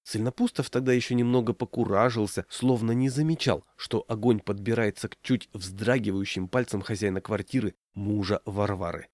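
A man narrating a story in a measured, ironic way. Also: on the low side, fairly even intonation, darkish tone, no echo. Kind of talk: audiobook storytelling.

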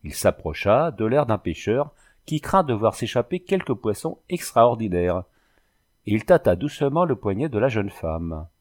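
A man narrating a literary audiobook in an expressive, animated reading. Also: lowish voice, moderate pace.

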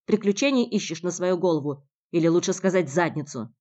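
A woman's voice: fairly low pitch, lively intonation, a little fast, a little mellow. A woman narrator voicing a blunt, tough young man who speaks curtly and growls his threats. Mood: accusing. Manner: curt, growling. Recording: dull lo-fi recording.

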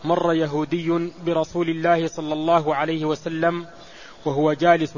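Man, student reading hadith aloud, flat steady delivery, dull recording, light hiss. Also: on the high side, normal speed. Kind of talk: formal recitation of hadith chains. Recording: muffled lo-fi recording with faint hiss.

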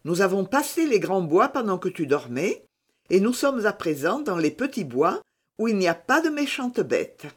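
A kind young peasant woman coaxes a child with gentle teasing in an audiobook, as a woman reader puts her on. Her voice lifts a little above the narration and moves with a lively lilt. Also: mid-range voice, moderate pace, husky. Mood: coaxing. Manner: teasing, coaxing. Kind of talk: audiobook character reading.

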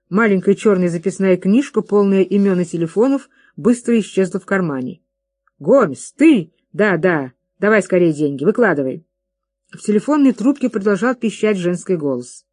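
A narrator reading a story aloud in a steady, even delivery. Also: mid-range voice, dry recording.

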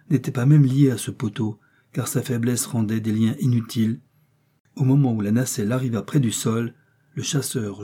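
A man narrating a classic adventure novel in a measured, dramatic storytelling voice. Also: medium pitch, dark tone, husky. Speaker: audiobook narrator. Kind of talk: scripted narration.

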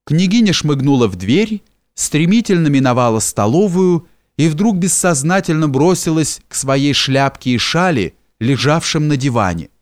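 A man narrating a historical novel in a measured, expressive reading. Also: a little high, no echo, studio quality. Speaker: audiobook narrator.

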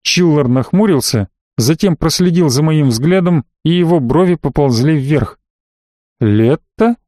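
A man reading a first-person story aloud as an audiobook narrator, steady and expressive. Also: a little high, moderate pace, dry recording, studio quality.

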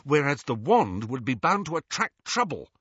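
A man doing a brisk, sceptical clever girl. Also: medium pitch, big pitch swings, fairly bright tone, husky, no room sound, pitched above the performer's own voice. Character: clever, exasperated teenage girl. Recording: dull, dry audiobook recording.

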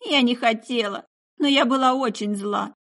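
A woman's voice: a little high, moderate pace, a bit bright, pitched above the performer's own voice. A woman voicing a middle-aged mother pouring out bitter, remorseful confessions. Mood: anguished. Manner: emotional, pleading outbursts.

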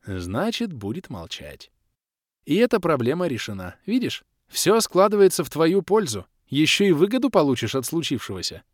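Guy reading as a cocky young rogue, pushy and mocking, voice bouncing up high, dry close sound. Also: big pitch swings, moderate pace, no echo. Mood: brash. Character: cocky young male rogue, brash bargainer.

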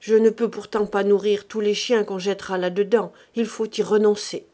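A woman's voice: mid-range voice, little pitch movement, normal speed, close to an everyday voice. A woman doing a sour, stingy old widow. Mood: indignant. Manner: sharp and indignant.

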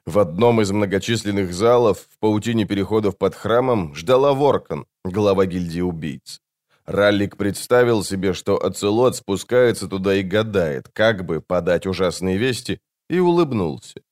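Male fantasy audiobook narrator, lowish voice, measured and steady. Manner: measured storytelling delivery.

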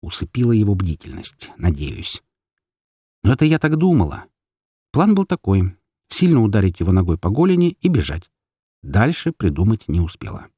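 A man narrating an audiobook story in an expressive, dramatic way. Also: on the low side, normal speed, husky, dry recording, clean studio sound.

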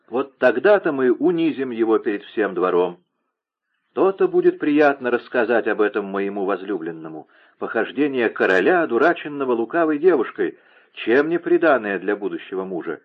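Мужчина играет холодного насмешливого короля. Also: male voice, mid-range voice, pitched above the performer's own voice, close to an everyday voice. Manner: cold, sarcastic. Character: cold, mocking young king. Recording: narrow phone-like lo-fi sound.

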